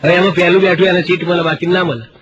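A middle-aged man spins comic stories in a high voice, slipping into other people's lines and reciting couplets. The sound is muffled and lo-fi, like a radio broadcast of a live show. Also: steady tone, quick pace, slightly rough. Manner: jokey anecdotal delivery, acting out dialogue, reciting couplets. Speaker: stand-up comedian. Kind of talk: Gujarati stand-up comedy storytelling.

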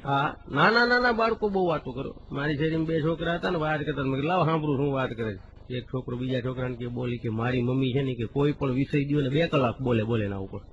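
A man telling comic stories on stage, acting out the dialogue in quoted voices and slowing down to recite verse. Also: mid-range voice, fairly bright tone. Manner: recites verse slowly with drawn-out emphasis. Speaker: stand-up comedian. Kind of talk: live comic storytelling in a regional dialect. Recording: dull lo-fi live recording with faint hiss.

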